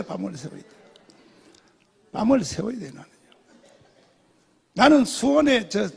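An older man preaching a testimony sermon, emphatic and repetitive, dropping to murmurs and then rising to shouts. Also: very high voice, gravelly, husky. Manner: emphatic, repeats phrases, swings between murmurs and shouts. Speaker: pastor.

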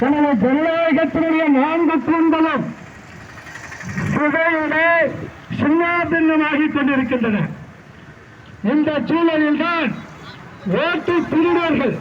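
A man addressing a street protest as a party speaker, delivering a political speech in slow, measured oratory. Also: very high-pitched, steady tone. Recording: dull lo-fi recording with faint street noise.

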